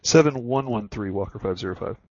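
A man's voice: fairly low pitch, brisk, dry recording. A man speaking as a pilot on air traffic control radio, reading back instructions in clipped, slightly hesitant phrases. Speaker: airline pilot. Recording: dull, dry radio audio.

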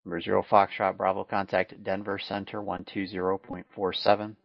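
A man's voice: sits low, level tone, fairly quick, gravelly, no room sound. A man working as an air traffic controller, giving clipped, procedural radio instructions. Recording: dull, lo-fi radio sound.

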